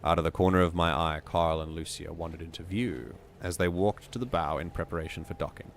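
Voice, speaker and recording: A man hosting a reading stream, reading a community story aloud in a measured way with joking asides. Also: low voice, a little hiss or hum.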